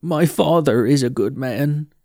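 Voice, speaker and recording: Man reading a jittery, polite teen boy, pitched up and a bit louder, earnest. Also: unhurried, no echo, studio quality. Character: Mort, a polite, nervous teenage boy.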